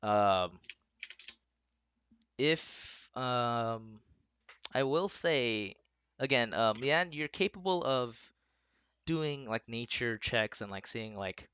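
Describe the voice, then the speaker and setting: A young man narrates a tabletop game as its dungeon master, pausing often with ums as he lays out options. His voice is bright and lively in pitch and his delivery is slow. The sound is dry and close. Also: clear, resonant tone, no room sound, highs cut off. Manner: hesitant, full of ums.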